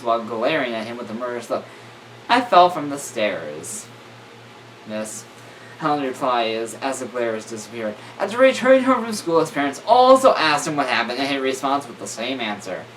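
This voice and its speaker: A young man reads a horror story aloud with a lively, swooping pitch, often tripping over words and fixing them. He sits a little back from the mic, with faint noise around him. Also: distant mic, rough recording. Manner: stumbling, self-correcting, joking asides. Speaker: reader.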